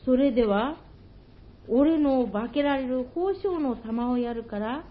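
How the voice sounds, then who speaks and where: A woman's voice: high voice, lively intonation, slow. A woman voicing a greedy, envious male fox in a folktale, asking eagerly and wheedling. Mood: pleading. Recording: dull lo-fi recording.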